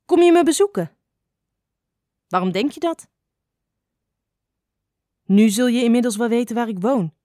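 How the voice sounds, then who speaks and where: A woman's voice: a little high, normal speed, long pauses, dark tone, dry recording, clean studio sound, natural voice. A woman voicing a young orphaned girl snake who is shy, chatty and artless, in a storybook reading. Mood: friendly. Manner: gushing, artless.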